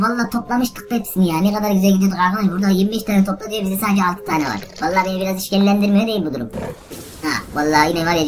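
A woman hosting a let's play video, giving excitable, exclaiming commentary and talking straight to her viewers. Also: lowish voice. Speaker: gaming video host.

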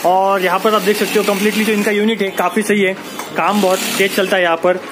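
A man's voice: high voice, flat delivery, fast talker. Give me a young man narrating a workshop tour on a phone, with heavy background noise. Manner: upbeat, addresses viewers directly. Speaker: vlogger touring a workshop. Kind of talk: casual guided tour narration. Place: busy car seat cover workshop, indoors.

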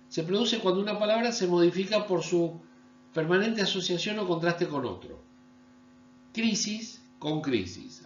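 A man from Argentina, giving a recorded online university lecture and often checking understanding with a quick "¿sí?". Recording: echoey room, dull low-fi sound with mains hum.

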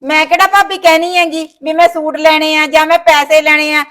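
A woman's voice: high voice, little pitch movement, brisk, a bit bright. A woman with a Punjabi accent, acting in a family short film, complaining indignantly and refusing every offer. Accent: Punjabi (Malwa). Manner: indignant, complaining, talks over objections. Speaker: actor playing a sulking sister-in-law.

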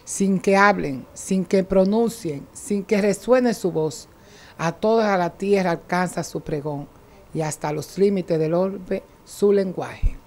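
A woman's voice: on the low side, takes it slowly, darkish tone, slight background noise. Woman lector reading a psalm. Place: chapel, at a lectern.

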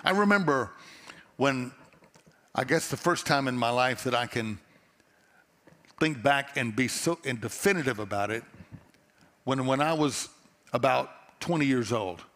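This sermon comes from a middle-aged pastor with a Texan accent, who tells stories earnestly and conversationally while often restarting phrases. His medium-pitched voice is expressive and a bit bright, with a measured pace and frequent pauses. He uses a headset mic on a large church stage before seated listeners, and the hall's reverb is long.

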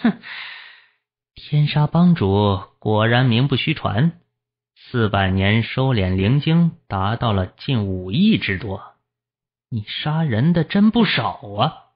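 Man voicing a young cultivator, audiobook, cold and mocking, husky voice, dull lo-fi audio. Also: lowish voice, animated, unhurried. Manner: cool and mocking.

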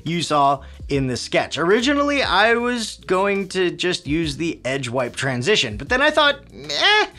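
A man's voice: on the high side, big pitch swings, moderate pace, few pauses, sharp tone, faint music behind. A man hosting a video tutorial, walking through editing steps in an upbeat, step-by-step way. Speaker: video creator and host. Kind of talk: scripted tutorial narration.

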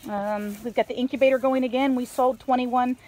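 Holding her phone as she walks around the farmyard's coops and pens, a middle-aged woman narrates a casual vlog, chatty and rambling as she shows things off. Her voice sits high and steady, fairly quick and a little mellow. Animal noises and farm ambience make the recording noisy.

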